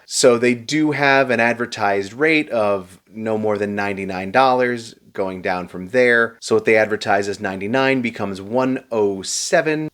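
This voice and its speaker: A man reviewing a show to camera, explaining prices and seating in a steady, advice-giving way with a touch of dry sarcasm. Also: on the low side.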